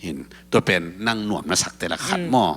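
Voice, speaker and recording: A man with a very deep voice chats on a talk show. He talks in a relaxed, easy way and often murmurs agreement while others talk. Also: fast. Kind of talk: casual talk-show conversation.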